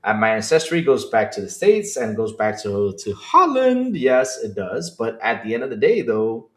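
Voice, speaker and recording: Man, from the Dominican Republic, casual stream host, animated, loud outbursts and muttered asides, roomy echo. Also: mid-range voice, normal speed. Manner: animated, laughing, swings between loud outbursts and mumbled asides. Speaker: podcast host. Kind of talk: casual livestream chat.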